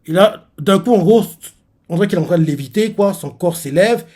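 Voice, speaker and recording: A man reading a manga aloud on a live stream and reacting as he goes. He rambles, padding his sentences with fillers and repeats. His voice sits a bit high for a man. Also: lively intonation, brisk, a little mellow, breathy edge.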